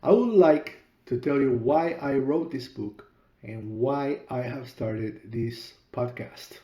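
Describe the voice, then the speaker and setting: A middle-aged man from Peru, speaking with a Spanish accent, recounts his own story in a slow, deliberate monologue as a podcast host and author. His mid-range voice is mellow and warm, the sound is lo-fi, and the room echoes noticeably.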